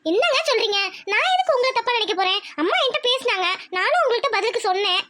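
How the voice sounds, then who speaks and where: This is a cheerful young bride from a cartoon who calmly teases her fretful husband, voiced by a woman. Her voice is very high and bright, with a light, sharp edge. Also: fast. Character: amused young bride, calm and gently teasing. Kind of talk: cartoon voice acting.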